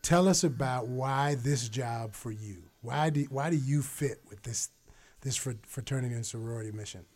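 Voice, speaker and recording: A middle-aged man hosting a university podcast interview, enthusiastic and quick to laugh. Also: medium pitch, darkish tone. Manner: enthusiastic, exclaims "wow" often, laughs easily. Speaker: podcast host. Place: university audio studio.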